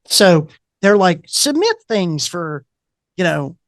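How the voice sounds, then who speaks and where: A middle-aged man, a guest author telling an animated anecdote and acting out the voices in it. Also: high-pitched, slow pace, dry recording, clean studio sound. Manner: animated anecdote-teller, acts out quoted voices. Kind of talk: casual storytelling interview.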